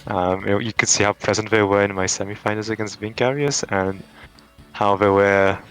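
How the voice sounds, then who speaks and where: Low-voiced Frenchman, rambling thoughtful answers. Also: steady tone, moderate pace, fairly bright tone, clean tone, soft background music. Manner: thoughtful, rambling, frequent restarts and fillers. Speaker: tournament champion guest. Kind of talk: casual interview answers.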